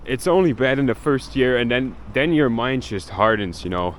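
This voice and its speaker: Out on a city street, this young man from Belgium, a native Dutch speaker, vlogs his travels in a loose, rambling way with the occasional curse. He has a medium pitch and moderate pace, and light traffic noise drifts in.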